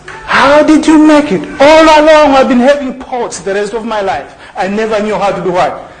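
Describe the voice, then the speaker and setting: A middle-aged preacher from Zambia delivers a sermon in a high, lifted voice. He keeps tossing questions to the congregation and lets them supply the answer. The archived church recording carries a faint hiss underneath. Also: normal speed, rough recording. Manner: call-and-response questions to the congregation. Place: church hall.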